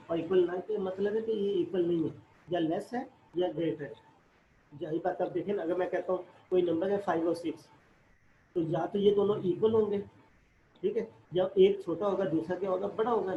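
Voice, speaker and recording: A man's voice: high voice, fairly even intonation, a little fast. A man teaching a math class, explaining step by step and asking and answering his own questions. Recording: echoey room, dull lo-fi audio, faint noise.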